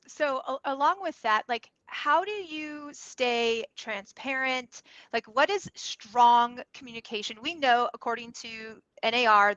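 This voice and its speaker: Bright-voiced woman host, dull lo-fi sound. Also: a little high, no room sound. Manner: chatty, talks in long run-on questions. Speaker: podcast host and real estate coach. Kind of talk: casual interview chat.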